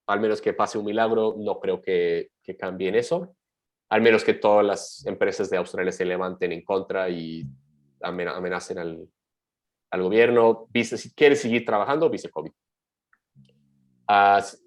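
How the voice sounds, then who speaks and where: A man advising on migration, reading out viewer questions and answering them quickly while thinking aloud in a live webinar. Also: on the low side, poor audio.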